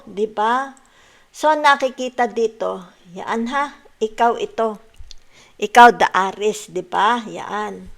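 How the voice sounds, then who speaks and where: A woman from the Philippines giving a casual tarot reading, mixing English into Filipino and checking in with tag questions. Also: fairly high pitch. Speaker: tarot reader.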